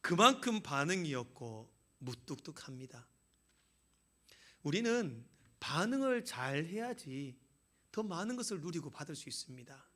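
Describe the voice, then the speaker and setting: Man, pastor, sermon, lively swooping voice, bright forceful tone. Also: high-pitched. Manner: storytelling with jokes and emphatic exclamations.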